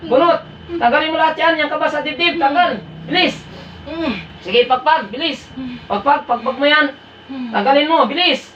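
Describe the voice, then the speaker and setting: A woman faith healer leads an exorcism ritual, chanting incantations and firing off short, insistent commands. Her high, bright voice carries across a roomy, echoing space, heard from some distance. The recording is dull and slightly lo-fi. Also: a little hiss or hum. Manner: chants incantations, then barks rapid commands.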